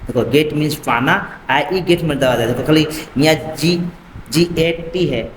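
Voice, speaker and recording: A man's voice: on the high side, moderate pace, noisy background. A man teaching a school lesson, mixing Hindi and English and repeating a checking phrase often. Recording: echoey room with faint ambience.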